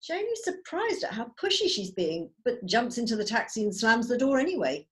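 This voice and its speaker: A woman narrator with a lively, slightly high voice reads stage directions at a table read, going a little fast. The scripted narration is picked up over a video call.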